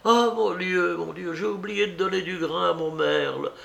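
A man's voice: high voice, fairly even intonation, moderate pace, creaky, a bit bright, voice pushed up, full character voice. A man voicing an elderly aunt in an audiobook, fussy and shrewd, with a quavering sing-song manner. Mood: fretful.

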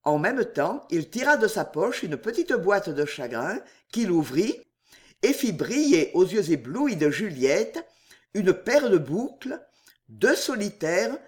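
A woman narrating a classic novel as an audiobook, telling the story in an unhurried, expressive way. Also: fairly low pitch. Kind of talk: scripted literary narration.

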